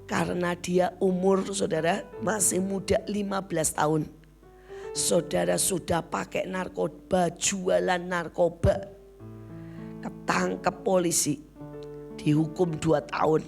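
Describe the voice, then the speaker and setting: A woman's voice: fairly low pitch, slow pace, vocal fry, faint music behind. A woman preacher giving a sermon full of personal stories, often addressing her listeners directly as brothers and sisters and acting out the people she quotes. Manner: addresses listeners as "saudara" again and again; lively storyteller who acts out the people she quotes.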